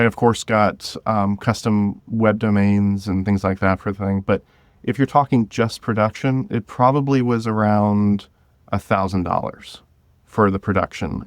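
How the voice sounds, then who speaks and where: A man with a fairly low voice, recorded without echo, talks casually as an interview guest. An independent audio drama creator, he thinks aloud and corrects himself as he goes.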